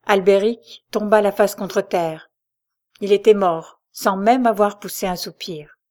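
A woman narrating a dramatic novel as an audiobook, with steady delivery. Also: mid-range voice, a little slow.

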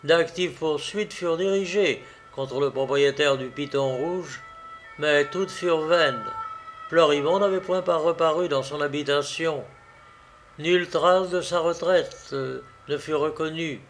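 A man narrating a novel as an audiobook, with a measured, dramatic reading. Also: a little high, soft background music.

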